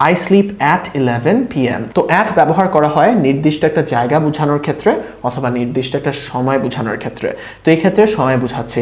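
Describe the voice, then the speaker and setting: Man teaching English, lively pitch, roomy echo. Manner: explains slowly, asks rhetorical questions; switches between Bengali and English. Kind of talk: spoken English lesson.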